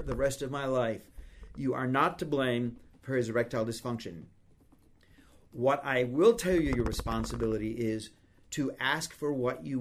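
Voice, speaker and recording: A man's voice: medium pitch, slight background noise. A middle-aged man hosting a podcast, talking frankly and reassuringly in a casual advice style. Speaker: podcast host.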